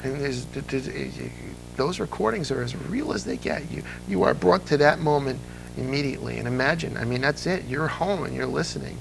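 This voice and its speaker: Over music and through poor audio, a man with a medium-pitched, creaky voice talks briskly. He's the host of a relaxed, nostalgic interview chat, an enthusiastic storyteller who frequently restarts his sentences.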